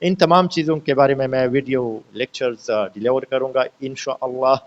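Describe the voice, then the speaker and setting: A man teaching a lecture, explaining slowly with many "uh" fillers, mixing Hindi-Urdu with careful English sentences and often checking in with his students. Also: mid-range voice, steady tone, muffled recording. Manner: explains slowly, repeats points and checks in with "theek hai?"; hesitant with frequent "uh" fillers.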